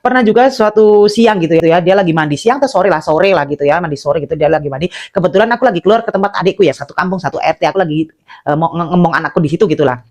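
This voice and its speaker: A woman's voice: fairly low pitch, racing, darkish tone. A middle-aged woman from Indonesia telling a personal horror story in a chatty way, filling it with fillers and calling her listeners "guys".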